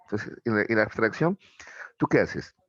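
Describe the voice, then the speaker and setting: A man's voice: fairly low pitch, animated, normal speed, a bit bright, highs cut off. A male teacher giving a classroom lecture, checking in with his students again and again and acting out little imagined exchanges with them. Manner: questioning, repeats "¿ya?" often; acts out imagined student dialogues.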